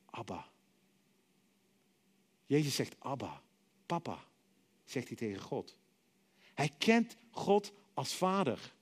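A middle-aged man preaching a sermon. He tells stories dramatically, acts out other voices, and lets many phrases sink to a soft, quiet finish. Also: medium pitch, big pitch swings, slow pace, long pauses, husky. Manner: dramatic storytelling, acting out voices and dropping to soft, quiet endings.

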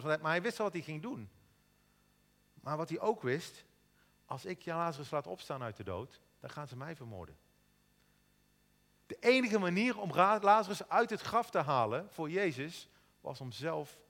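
Earnest, animated male preacher in a hall. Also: high-pitched. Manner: earnest, animated, stammers on repeated words. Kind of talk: sermon. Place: church in Eindhoven.

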